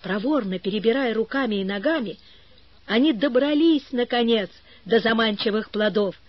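A woman narrating an adventure story as an audiobook, in a measured storytelling manner. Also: on the high side, no echo, lo-fi sound. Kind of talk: audiobook reading.

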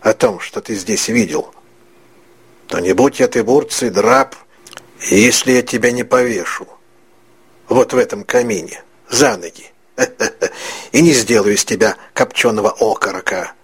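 A man doing a gruff, husky vagabond. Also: fairly low pitch, normal speed. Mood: menacing. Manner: menacing, mock-theatrical threats. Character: gruff threatening vagabond man, middle-aged head of family. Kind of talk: audiobook reading.

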